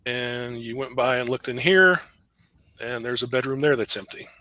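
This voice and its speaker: Bright-voiced man running a tabletop game. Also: mid-range voice, moderate pace, no echo. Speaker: game master.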